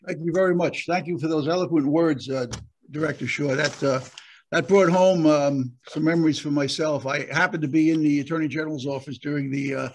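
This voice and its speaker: A man hosts a virtual conference as prosecutor, his voice sitting a touch high and fraying as he loses it. He talks haltingly, full of fillers and false starts, over a video call. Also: steady tone, a little hiss or hum. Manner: halting, with many fillers and restarts. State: losing his voice. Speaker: county prosecutor hosting the event.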